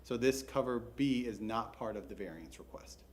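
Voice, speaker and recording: A man giving a brisk, businesslike, formal case presentation at a public hearing, as a staff member. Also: fairly low pitch, expressive. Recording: faint noise, public hearing room.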